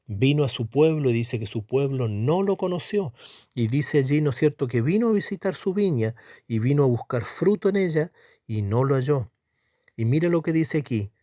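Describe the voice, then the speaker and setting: A man's voice: medium pitch, animated, moderate pace, dark tone, dry recording, studio quality. A middle-aged man preaching a Bible teaching sermon, emphatic, asking questions and answering them himself. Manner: emphatic, asks and answers his own questions; repeats tag question "¿no es cierto?".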